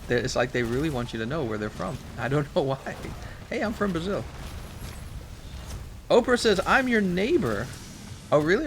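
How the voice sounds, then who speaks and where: Gravelly-voiced guy from missouri rambling on a gaming stream, reading chat out loud, little bit of hiss behind him. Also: fairly high pitch. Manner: rambling, reads chat aloud, laughs often. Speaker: live streamer. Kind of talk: casual chat while gaming.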